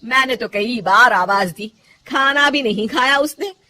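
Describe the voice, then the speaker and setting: A woman's voice: fairly high pitch, a little slow, sharp tone. A woman voicing a motherly middle-aged mother-in-law in a cartoon story, talking in a fussing, affectionate way. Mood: worried.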